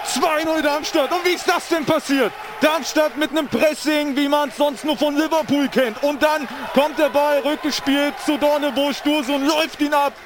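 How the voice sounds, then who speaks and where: Very high-pitched man shouting goal commentary. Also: moderate pace. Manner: excited, shouting, partisan. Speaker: football commentator for the home club. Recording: noisy stadium ambience.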